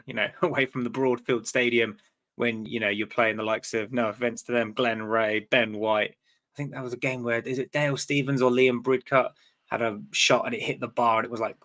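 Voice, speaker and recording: In a fairly bright, mid-range voice, a man chats casually on his fan podcast live-stream. He's relaxed and loose, repeating words now and then as he talks.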